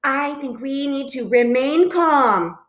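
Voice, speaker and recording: A woman's voice: mid-range voice, unhurried, a bit bright, natural voice. A woman doing a proper, earnest male goose. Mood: insistent. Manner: earnest, slightly formal. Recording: roomy echo.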